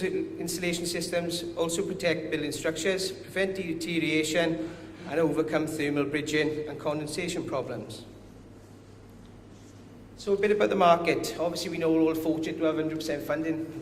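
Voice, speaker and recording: At normal speed and in a steady tone, a man with a fairly high voice presents at a conference as a company director. His Welsh accent is strong, and he seems a bit nervous, often downplaying himself. Sound echoes around the conference hall, with some faint noise.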